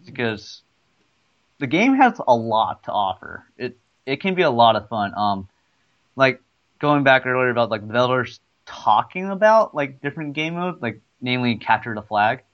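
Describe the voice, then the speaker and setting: A man's voice: medium pitch, expressive, moderate pace. Man, casual gaming podcast talk, rambling, a bit muffled and lo-fi. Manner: rambling, many restarts and fillers.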